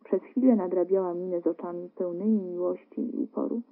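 A woman reading a literary story aloud as narrator, calm and measured. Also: on the low side, gravelly. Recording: narrow phone-like radio broadcast.

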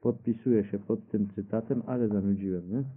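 On old, tinny archive radio tape, a radio cabaret creator answers audience questions in an off-the-cuff public talk. His lowish, slightly rough voice stays fairly even as he speaks slowly and hesitantly, rambling, fixing his words, and reading quotes aloud.

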